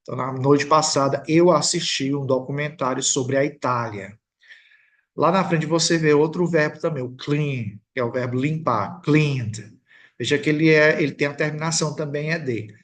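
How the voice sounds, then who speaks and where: A man with a Brazilian Portuguese accent, teaching a recorded English lesson over slides. He explains slowly and patiently and keeps checking in with the listener. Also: on the high side. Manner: slow, patient explaining with frequent "tá bom?" check-ins.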